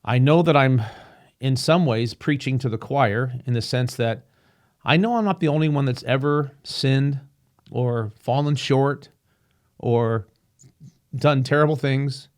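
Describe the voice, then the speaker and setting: Earnest and reflective, this man talks alone on his podcast in a home room, a painting hanging behind him. He has a mid-range, slightly rough voice and keeps stopping to restart, with lots of fillers.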